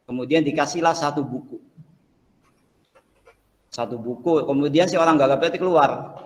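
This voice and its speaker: A man's voice: fairly high pitch, moderate pace. Man teaching in an echoey classroom. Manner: relaxed, chatty with fillers.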